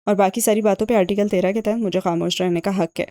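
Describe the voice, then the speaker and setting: A woman reading an audiobook and voicing a cheeky teenage girl who answers quickly and defensively. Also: mid-range voice, steady tone, dark tone, close to an everyday voice.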